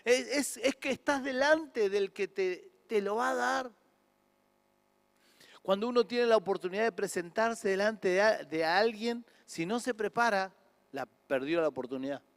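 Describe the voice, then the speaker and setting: A man preaching a sermon with an Argentine accent, swinging from soft talk to impassioned shouting. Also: high voice, unhurried, gravelly, dry recording, in a large hall. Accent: Argentine Spanish. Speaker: pastor.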